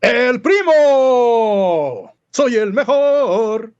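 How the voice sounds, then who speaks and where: A bombastic, proud luchador hero from a video game. He announces himself slowly like a grand showman, with huge swoops of pitch. The sound is a little dull. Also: sing-song, a little mellow, clean tone, full character voice. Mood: proud bravado. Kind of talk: video game character catchphrases.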